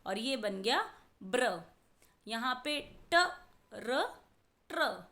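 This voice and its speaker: A woman with a high-pitched voice teaches young children a worksheet lesson, gently instructive as she slowly sounds out letters and blends.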